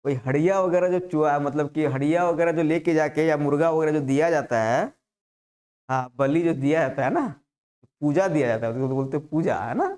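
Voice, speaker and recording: Coaxing teacher. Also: male voice, a little high, brisk, darkish tone, clean tone. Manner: repetitive, coaxing, peppers lines with "hai na". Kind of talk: live exam-prep class.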